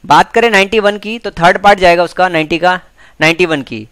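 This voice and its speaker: An Indian man teaching English exam questions, explaining each answer and repeating key words, reading English sentences slowly. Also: high voice, a bit bright, smooth, dry recording. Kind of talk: exam prep lecture.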